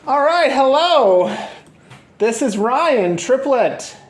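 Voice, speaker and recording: A man hosting a casual podcast, excited and halting, with lots of fillers and restarts. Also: extremely high pitch. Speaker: podcast host. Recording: echoey room.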